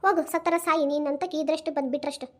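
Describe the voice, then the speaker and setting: A woman's voice: sits high, fairly even intonation, fast, close to an everyday voice. A woman voicing a stern, unforgiving old village mother in a cartoon, scolding with a North Karnataka accent. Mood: bitter. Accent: North Karnataka Kannada. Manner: scolding, lecturing. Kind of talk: cartoon voice acting.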